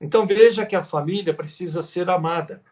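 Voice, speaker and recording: High-voiced Brazilian man giving a spiritual lecture. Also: a little fast, darkish tone. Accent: Brazilian Portuguese. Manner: conversational, repeats and rephrases words for emphasis.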